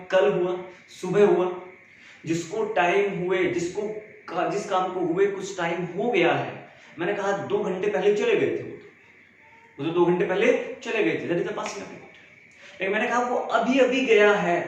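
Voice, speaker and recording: A man's voice: high voice, highs cut off. A man teaching an English grammar lesson, who explains by repeating himself and asking the students questions. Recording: very echoey room, faint background noise.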